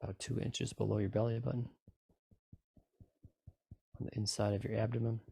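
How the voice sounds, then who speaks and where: A low-voiced man with a noticeable creak leads a guided relaxation session. He coaxes listeners through repetitive, step-by-step instructions and checks in with brief questions. The sound is dry and free of room echo. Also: little pitch movement, moderate pace, warm tone. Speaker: group session leader guiding tapping and relaxation.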